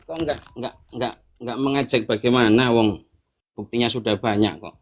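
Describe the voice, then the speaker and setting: A man in a live online interfaith debate. He interrupts often, corrects his opponent and repeats short words in quick bursts. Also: mid-range voice, fairly even intonation, dull audio.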